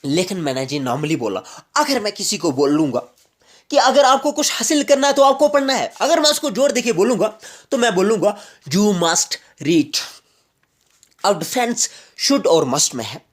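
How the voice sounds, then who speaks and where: Explaining grammar to his class, the Jammu and Kashmir teacher goes slowly, repeating each point with English examples. His high voice carries lively intonation.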